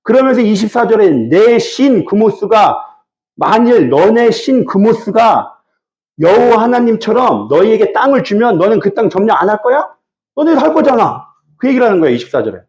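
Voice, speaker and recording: Male pastor, conversational sermon, high voice with swooping pitch. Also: very animated, normal speed, darkish tone. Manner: conversational, addresses the congregation directly; teaches verse by verse. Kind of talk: Wednesday evening sermon.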